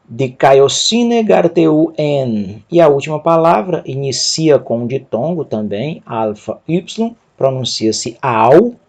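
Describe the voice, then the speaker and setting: A man teaching a Greek reading lesson, sounding out words slowly and repeating them syllable by syllable, with a Brazilian Portuguese accent. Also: mid-range voice, darkish tone. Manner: drawn-out, syllable-by-syllable pronunciation drills. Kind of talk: slow, careful reading lesson.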